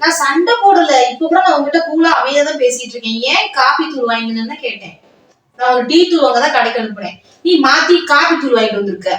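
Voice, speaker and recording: At home, a woman pranks her husband in a staged couple argument, bickering quickly and insistently and repeating herself. Her high, animated, somewhat bright voice is far from the mic, and the audio is poor with heavy reverb.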